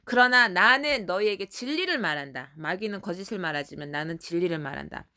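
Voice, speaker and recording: A woman's voice: fairly low pitch, lively intonation, brisk, sharp tone. A woman voicing a stern, solemn man who rebukes a crowd in a storybook retelling, firm and declaiming.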